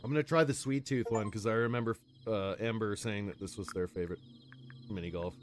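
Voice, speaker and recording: A man streaming a game, chatting casually and rambling with frequent laughs into a close mic on a boom arm. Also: brisk, noisy background. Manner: rambling, relaxed, laughs often. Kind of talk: casual chat while gaming. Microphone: close studio mic on a boom arm.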